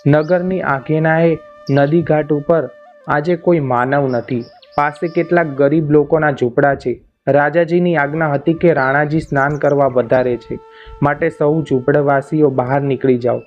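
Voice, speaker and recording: A man narrating a folk tale as a storyteller, in a measured, dramatic reading. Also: a little high, steady tone. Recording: dull lo-fi audio, faint music.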